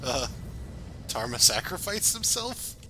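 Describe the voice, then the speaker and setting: A man's voice: medium pitch, big pitch swings, slow pace, noisy background. A man giving casual, chatty commentary as co-host while a video game plays. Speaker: let's play co-commentator.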